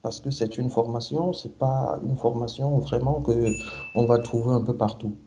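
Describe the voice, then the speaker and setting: A man in his thirties from Cameroon, an SAP consultant appearing as a guest, answers interview questions about his career. He is hesitant, with many fillers and restarts. His mid-range voice is steady and dark at normal speed, with slight background noise.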